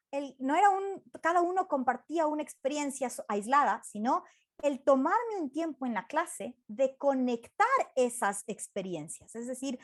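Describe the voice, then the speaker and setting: Woman, high-pitched, lively teacher, video call, casual discussion. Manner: animated storyteller, acts out voices in anecdotes.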